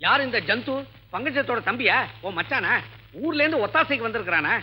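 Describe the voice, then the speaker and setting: A man's voice: very high voice, lively intonation, a little fast, pushed and bright, slight background noise, full character voice. An actor playing a teasing village doctor in a 1980s film, needling his friend with mocking comic banter. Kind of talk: 1980s film comedy acting.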